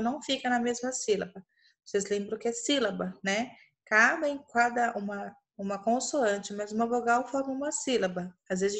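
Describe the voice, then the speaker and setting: Brazilian woman, young adult, primary teacher recording a video lesson, patient, checks in often, slightly high voice. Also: fairly bright tone. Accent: Brazilian Portuguese. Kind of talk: recorded online lesson for children.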